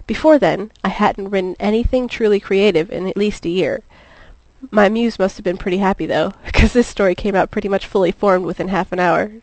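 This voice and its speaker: A woman reading her own fan fiction aloud, with relaxed, chatty asides as the author. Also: medium pitch, fairly quick, no echo, poor audio.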